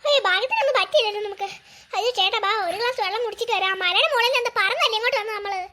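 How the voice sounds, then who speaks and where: A woman voicing a young, easily frightened villager in a cartoon, full of quick exclamations. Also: very high-pitched, bright, forceful tone. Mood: nervous. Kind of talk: cartoon voice acting.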